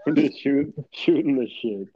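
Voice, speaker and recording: A man's voice: medium pitch, a little slow, slightly rough, highs cut off. A man co-hosting a casual comedy podcast, trading crude jokes and giggling. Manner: crude jokey banter, giggly. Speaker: podcast co-host.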